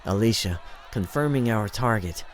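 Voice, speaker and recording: A man's voice: lowish voice, lively intonation, normal speed, some chatter behind, lightly acted. A man reading an impatient young woman. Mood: curt. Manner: curt, impatient.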